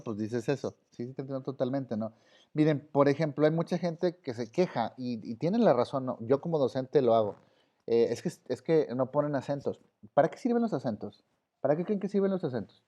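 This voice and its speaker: Speaking expressively and a little fast in a dark, medium-pitched voice, a Mexican-accented man leads an online class casually. He leans on fillers such as "este," and the recording sounds slightly dull.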